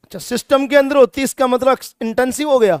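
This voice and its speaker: A man's voice: very high voice, a little fast, clean tone, no room sound, studio quality. A male chemistry teacher lecturing a classroom, scolding students and repeating his points with emphasis.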